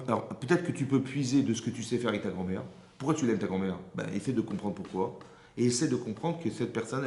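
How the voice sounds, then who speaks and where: Rabbi guy teaching a class, lively and chatty, keeps asking if you get it, room echo around him. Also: fairly low pitch. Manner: animated, keeps checking with rhetorical questions. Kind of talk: informal Torah lesson. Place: synagogue hall. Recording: roomy hall echo.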